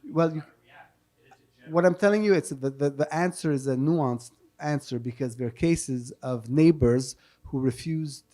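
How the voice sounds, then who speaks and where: This man's voice sits on the higher side, warm in tone and measured in pace. He's running a public panel, offering impromptu answers and live spoken translation, choosing words carefully and correcting himself again and again. The setting is a live public event where the audience asks questions.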